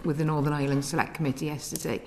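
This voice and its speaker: A woman with a very low voice and plenty of creak puts questions in a formal committee setting. She speaks hesitantly, feeling her way toward each phrase. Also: flat delivery, racing, slight background noise. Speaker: committee member asking questions.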